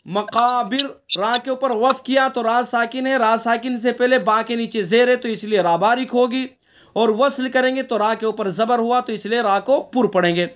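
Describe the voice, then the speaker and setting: A man teaching an online class in Quran recitation, questioning his students and explaining each rule step by step, with slow chanted recitation in between. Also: extremely high pitch. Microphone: online class connection.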